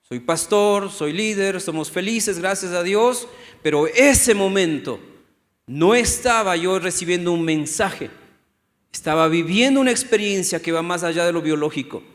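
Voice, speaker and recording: A middle-aged male pastor preaching a lively sermon, often asking the congregation questions and acting out what people say. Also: high-pitched, a little slow. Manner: animated, asks the congregation questions, acts out quotes. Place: church hall. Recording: long hall reverb.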